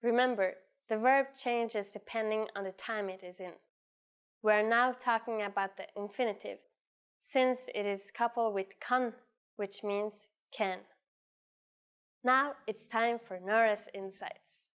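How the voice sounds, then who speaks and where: A woman's voice: medium pitch, steady tone. A woman with a Norwegian accent hosts a scripted language lesson, speaking in an instructional way and enunciating phrases carefully. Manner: clear, instructional enunciation with slowly repeated phrases. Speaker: language teacher and lesson host.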